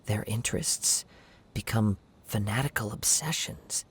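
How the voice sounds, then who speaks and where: An actor playing a calm, observant young wandering samurai in a video game, speaking in a formal, measured and serious way. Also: male voice, fairly low pitch, slightly rough. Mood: grave, measured. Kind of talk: scripted video game dialogue.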